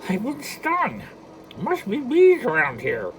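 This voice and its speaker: A storyteller puts on a flustered male cartoon duck, short-tempered and excitable. The voice squawks well above the reader's normal pitch with sudden loud jumps. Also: slow, slight background noise, full character voice, poor audio.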